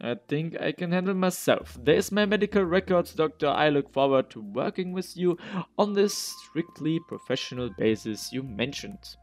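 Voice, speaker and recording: A man's voice: on the high side, animated, moderate pace, soft background music. A man voicing a confident, independent young woman officer in a game, speaking firmly. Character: self-assured young woman, mission officer.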